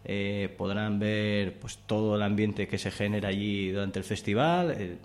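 A man speaks in a somewhat low voice on a studio radio mic. He talks eagerly and at length as a festival organizer guest, restarting his sentences often. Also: measured pace. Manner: chatty, enthusiastic, many restarts. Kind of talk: radio interview chat.

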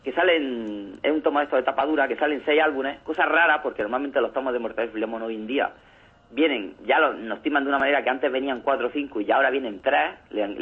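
Fast-talking husky radio host. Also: male voice, medium pitch. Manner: animated storyteller, acts out comic scenes. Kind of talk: casual radio chat about comics. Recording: lo-fi phone-like radio sound.

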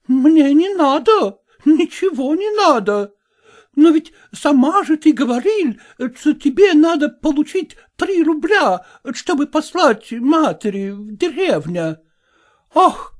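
A fussy foreign mistress exclaims in broken, oddly inflected speech, as a male reader puts her on. Her voice sits higher and swoops lively through each phrase. A storybook lady, bossy yet coaxing. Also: takes it slowly, full character voice. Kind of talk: audiobook character voice.

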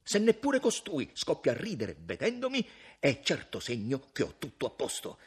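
A man reading a classic story aloud and voicing a vain, fussy middle-aged official obsessed with his nose, in a husky voice with shrill, excited exclamations. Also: normal speed, exaggerated voice. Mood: gleeful.

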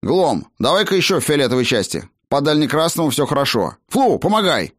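A bustling, gruff male dwarf who tinkers with his instruments and barks brisk orders, as a man does the voice. His voice sits raised and lively, recorded close and dry. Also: fairly high pitch, dry recording, pitched above the performer's own voice. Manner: brisk, bossy.

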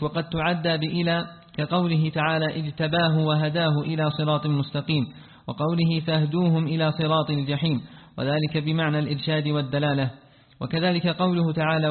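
A man reading a classical text aloud to his teacher, rushing and restarting when he stumbles over words. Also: a little high, level tone. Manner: rapid reading with frequent restarts after stumbles. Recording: tinny phone-like sound with a long hall reverb.

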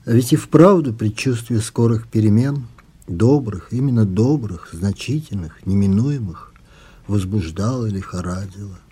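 Author reading his own novel. Man with a low, dark, husky voice, measured and thoughtful, trailing off quietly. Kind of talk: unhurried literary reading and interview answers.

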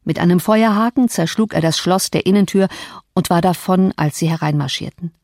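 A woman reading a novel aloud as audiobook narrator in a measured storytelling way. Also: lowish voice, darkish tone, no room sound, clean studio sound.

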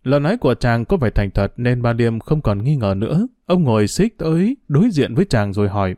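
A man reading a story aloud as narrator, in a steady, measured way. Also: medium pitch, no echo.

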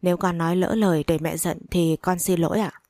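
A woman's voice: fairly low pitch, steady tone, brisk, warm tone, dry recording, clean studio sound, natural voice. A woman reading the lines of a timid young bride who answers politely and deferentially. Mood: pleading.

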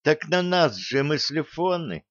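A man's voice: fairly high pitch, very animated, a little slow, a bit bright, no room sound, pitched above the performer's own voice. A man voicing a timid, fussy male scientist. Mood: eager. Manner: hesitant, nervous, apologetic. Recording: dull lo-fi dry recording.

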